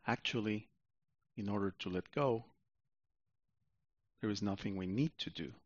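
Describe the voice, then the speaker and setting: In a calm sleep-story meditation, a man speaks slowly and soothingly, letting long pauses settle between lines. His pitch is fairly low, and the audio is dry but muffled.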